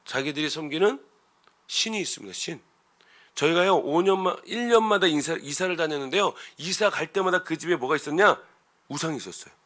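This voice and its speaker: A man's voice: on the high side, a little fast, a bit bright. A middle-aged male pastor preaching a Sunday sermon in a conversational way, asking the congregation questions and rising to emphatic bursts. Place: church sanctuary.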